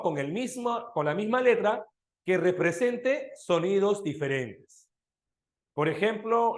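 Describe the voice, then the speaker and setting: A man leads an online exam-prep language class, explaining phonemes and letters and frequently quizzing his students. He's lively and animated, with a high voice that sounds reverberant.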